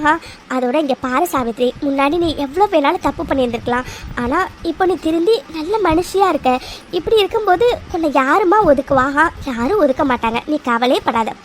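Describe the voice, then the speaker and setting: Cartoon granny, older woman, gentle and reassuring, high-pitched, played by a woman. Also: animated, brisk, a little hiss or hum. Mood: comforting. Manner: soothing, coaxing, ends lines with questions. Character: kindly elderly grandmother, warm and reassuring. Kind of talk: cartoon voice acting.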